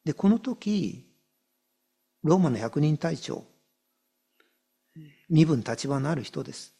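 A man preaching a sermon as a pastor, reading scripture aloud and stressing key phrases by repeating them and slowing down for weight. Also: on the high side, animated, vocal fry, mellow, breathy edge.

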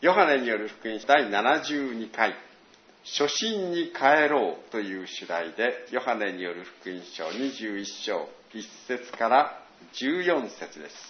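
A man preaching a sermon in a chatty, conversational way, mixing personal asides with scripture. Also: medium pitch. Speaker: pastor. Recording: roomy, dull lo-fi recording.

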